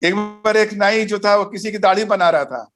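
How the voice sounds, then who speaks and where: A man's voice: sits high, fairly even intonation, moderate pace. A man, a pastor, teaching a Bible study session in a didactic way, listing numbered points and telling short anecdotes. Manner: didactic, enumerates points, tells jokes and anecdotes.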